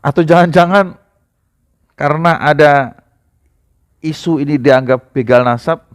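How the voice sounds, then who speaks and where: A man preaching a sermon to a gathering, speaking to the audience directly and rising into emphatic high outbursts. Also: measured pace, smooth.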